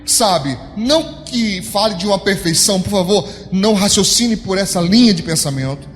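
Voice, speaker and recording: Brazilian male pastor, high tenor, emphatic sermon delivery with sweeping pitch, speaks straight to the congregation; long room echo, soft music bed. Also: expressive, normal speed. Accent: Brazilian Portuguese. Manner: emphatic preaching with big pitch swings, addressing the congregation directly. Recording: long hall reverb with soft background music.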